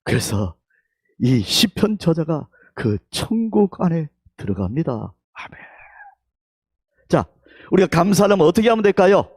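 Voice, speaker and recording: A man preaches a Sunday sermon with a Gyeongsang accent, his high voice leaping and falling with lively swings. He moves from loud calls to near-whispers and leads the congregation to repeat his words. The sound is dry and close. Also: a little slow, breathy edge, dry recording. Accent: Gyeongsang Korean. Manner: leads the congregation in call-and-response. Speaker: pastor. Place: church sanctuary.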